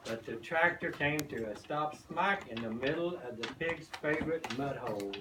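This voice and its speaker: An older man with a folksy grandfatherly manner, reading a children's storybook aloud and pausing to explain the pictures to children. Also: a little high. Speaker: grandfather reading to a first grade class, farmer. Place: echoey indoor classroom. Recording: roomy, distant microphone, noisy background.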